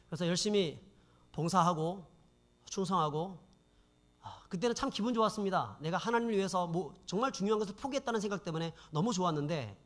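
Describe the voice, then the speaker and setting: Animated high-voiced male preacher. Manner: dramatic storytelling, addresses congregation. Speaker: pastor. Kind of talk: sermon testimony.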